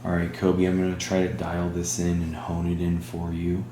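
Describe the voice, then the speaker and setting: A man hosting a spirit box session, speaking in halting short phrases and putting questions to a spirit. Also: deep voice, completely flat delivery, warm tone. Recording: roomy echo with humming background noise.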